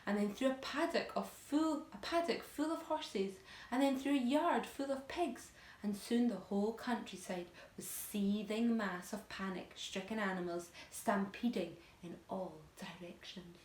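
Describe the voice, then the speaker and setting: A woman reads a children's story aloud the way a teacher would to her pupils, dramatic, emphatic, and full of expression. Her mid-range voice moves a little slowly, and the sound is reverberant.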